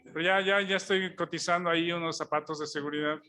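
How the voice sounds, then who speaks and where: A man's voice: a little high, steady tone, quick pace, bright, forceful tone. A man preaching, telling a personal story as a sermon illustration and acting out the people in it. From Mexico. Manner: storytelling, acts out dialogue, chuckles while telling it. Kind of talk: sermon illustration told as an anecdote.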